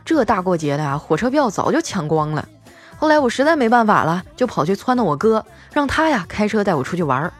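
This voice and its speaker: A woman's voice: medium pitch, very animated, quick pace, faint music behind. A female host telling scripted comic stories in a playful way, chuckling between jokes.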